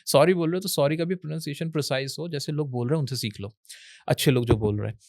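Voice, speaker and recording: A man's voice: a little high, fast talker, darkish tone, dry recording, clean studio sound. A young man from India, a guest on an interview show, giving casual advice and mixing Hindi with English. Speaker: educational YouTuber guest. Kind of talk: casual Hinglish interview talk.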